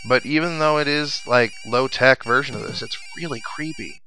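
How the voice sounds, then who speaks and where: Bright and forceful at a medium pitch and normal pace, this man offers casual video game commentary, thinking aloud and reading out parts of the story. Audio quality is poor, with the game's music and sound effects playing underneath.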